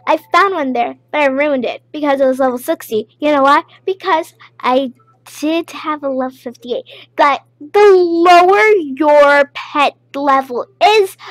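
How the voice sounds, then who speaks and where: A woman giving casual, rambling gameplay commentary, with excited outbursts. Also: high-pitched, no room sound. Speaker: gameplay video creator.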